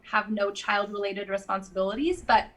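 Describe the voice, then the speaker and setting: A woman guest in casual conversation, chatty and quick to laugh, with lots of fillers. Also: medium pitch, steady tone. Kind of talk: casual chat.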